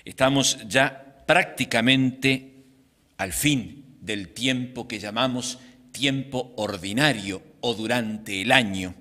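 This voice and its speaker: A man in his sixties, a priest, reading the Gospel and preaching at Mass in a slow, deliberate liturgical manner. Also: mid-range voice, pushed and bright. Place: small chapel, indoors. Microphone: microphone on a stand in front of him. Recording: reverberant chapel sound.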